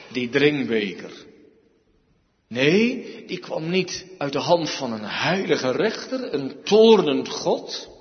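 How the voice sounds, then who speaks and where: A male preacher giving an emphatic sermon, with dramatic pauses and repeated phrases. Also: medium pitch. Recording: dull sound, echoey hall.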